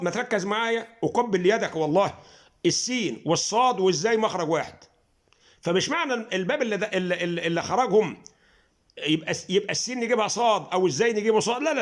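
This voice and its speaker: A man with an Egyptian accent teaching Quran pronunciation in a casual lesson, coaxing his listeners and often checking that they follow, slowing down to demonstrate letters. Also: high-pitched. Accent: Egyptian Arabic. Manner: coaxing, repeats "تمام؟" often, slows down to demonstrate letters and recite verses.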